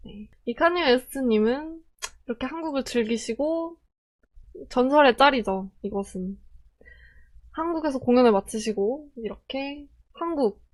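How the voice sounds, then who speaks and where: A young Korean woman telling a personal story in a casual, animated way, acting out the quoted voices. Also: high voice, normal speed.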